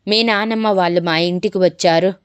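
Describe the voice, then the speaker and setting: A desperate young woman in love pleads through tears, as a woman storyteller reads her. Her voice is low-pitched and very smooth, recorded close and dry in a storybook reading. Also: steady tone, moderate pace, no room sound, close to an everyday voice. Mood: tearful pleading. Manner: crying, pleading.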